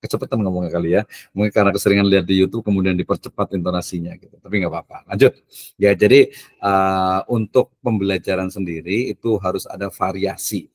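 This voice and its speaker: A man's voice: low voice, steady tone, fast talker, no echo. A male university lecturer giving a casual, joking lecture, with chatty filler tags and English phrases mixed in.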